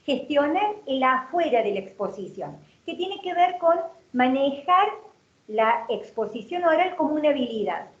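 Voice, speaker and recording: A woman's voice: high-pitched, big pitch swings, moderate pace. A woman giving an educational workshop talk, explaining things and asking rhetorical questions. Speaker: workshop speaker. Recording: roomy, dull lo-fi sound.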